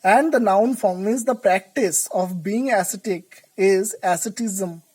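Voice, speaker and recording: Woman going through word roots slow and careful, like a class video. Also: mid-range voice, a little mellow, slightly rough, poor audio. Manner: slow, deliberate explanations. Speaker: English teacher. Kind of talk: vocabulary lesson.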